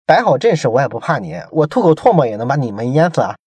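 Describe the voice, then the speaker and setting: A man's voice: medium pitch, very animated, fast talker, a little mellow, slightly rough, no room sound. A man voicing a boastful, overconfident male king delighted by an offer, inside a retold history story. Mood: gleeful. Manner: gleeful and boastful.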